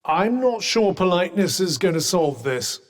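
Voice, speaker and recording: A man's voice: sits high, big pitch swings, normal speed. A British man playing a sardonic, erudite sentient magical cuff in a video game, speaking formally with dry condescension. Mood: wry, observant. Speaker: video game companion character. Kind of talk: scripted video game dialogue. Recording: long echoing reverb.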